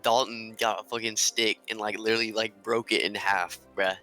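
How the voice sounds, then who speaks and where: A young man in casual podcast chat, chiming in excitedly and swearing as he backs up a friend's story. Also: fairly low pitch, normal speed, faint music behind. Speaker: podcast co-host.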